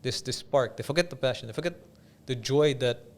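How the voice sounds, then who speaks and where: He's a podcast guest from Dubai who coaches businesses, recounting stories in a calm, conversational way. Pauses and deliberate repetition lend emphasis, all delivered in a mid-range voice.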